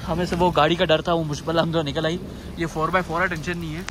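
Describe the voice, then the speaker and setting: A young man filming a casual family travel vlog on a handheld phone, excitedly talking to viewers outdoors and from a car in heavy rain. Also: fairly high pitch, quick pace, background noise. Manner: excitable, keeps addressing viewers as guys. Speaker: vlogger.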